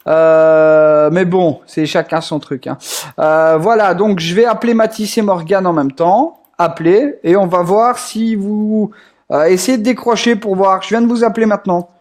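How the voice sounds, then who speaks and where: A young man with a high-pitched voice runs a casual group voice call. He rambles, trips over his words and repeats himself often, with plenty of filler sounds. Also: steady tone, normal speed, darkish tone. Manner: rambling, lots of hesitations and repeats. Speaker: group staff host.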